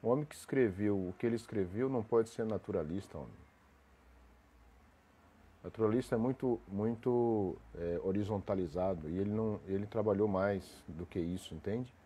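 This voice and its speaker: A man's voice: lowish voice, moderate pace, dark tone, slightly rough. Congested man hosting a live stream. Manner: rambling, with restarts and frequent "né?". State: congested from a cold. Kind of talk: casual live chat, greeting viewers.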